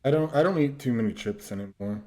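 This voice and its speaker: A man acting as game master, chatting casually and halting with fillers before the session. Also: mid-range voice, expressive, a little mellow, roomy sound. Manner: halting, with many fillers and restarts.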